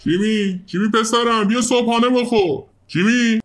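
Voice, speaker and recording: A man's voice: extremely high pitch, fairly bright tone, faint music behind. A man voicing a nagging, suspicious middle-aged father in a fan dub of a game video.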